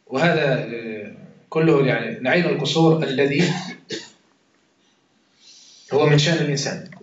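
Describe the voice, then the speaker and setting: A Quran teacher with an Algerian Arabic accent gives an informal commentary lesson, chatting with listeners, swearing oaths and checking they follow along. His voice is medium-pitched at a moderate pace, and the recording is roomy, dull and lo-fi.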